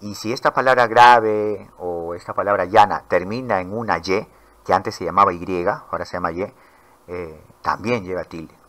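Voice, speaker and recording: A man teaching a spoken grammar lesson to students, explaining patiently with frequent pauses and fillers. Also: deep voice, a bit bright.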